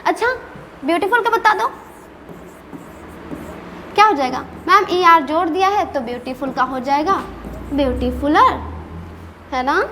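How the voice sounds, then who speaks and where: A woman's voice: sits high, lively intonation, measured pace, long pauses, bright, forceful tone. A woman teaching an English grammar lesson, often asking her students rhetorical questions. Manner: playfully scolding. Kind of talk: classroom-style grammar lesson. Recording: long reverb with faint background noise.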